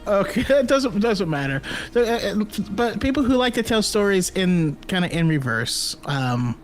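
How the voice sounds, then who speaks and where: A man's voice: high-pitched, very animated, moderate pace, soft background music. A man co-hosting a casual live show, telling stories in a rambling way with many stumbles and restarts. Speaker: podcast co-host. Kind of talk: casual live-stream chat.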